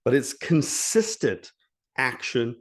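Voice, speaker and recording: A man's voice: medium pitch, sing-song, takes it slowly. A man giving a motivational coaching talk, earnest and emphatic, repeating key phrases for effect. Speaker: life coach.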